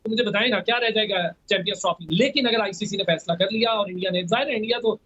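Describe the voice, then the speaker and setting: A man's voice: high-pitched, quick pace, pushed and bright, dull audio. A man on a TV panel arguing his point with rhetorical questions.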